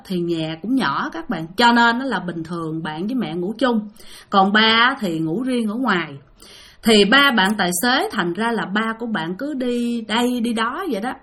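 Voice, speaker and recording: A woman's voice: mid-range voice, fairly bright tone. A woman with a Southern Vietnamese accent, chatting to listeners as she retells ghost stories they sent in. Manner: chatty, addresses listeners directly. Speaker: storyteller.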